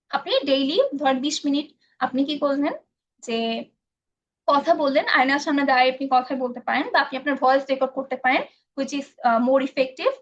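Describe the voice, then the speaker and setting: A woman instructor answering viewers' questions in a live online English class. She explains patiently, with many fillers, and mixes in English phrases. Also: high-pitched. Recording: dull lo-fi stream audio.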